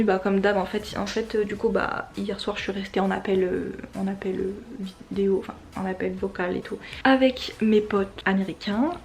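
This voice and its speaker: A woman in her twenties chatting casually to her camera at home, rambling with quick asides. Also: mid-range voice, a little mellow, slight background noise. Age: 20s. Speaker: vlogger. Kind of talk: casual vlog chat to camera. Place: indoors at home, bedroom. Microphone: handheld compact camera.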